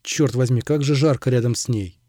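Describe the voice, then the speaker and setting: A man narrating an audiobook in a calm, measured storytelling manner. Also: medium pitch, no echo.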